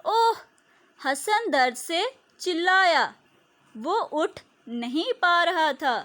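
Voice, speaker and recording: A woman teacher with a Pakistani Urdu accent reads a lesson to children, saying each key word twice, slowly and clearly. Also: very high-pitched, animated, pushed and bright. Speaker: school teacher. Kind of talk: slow classroom reading lesson.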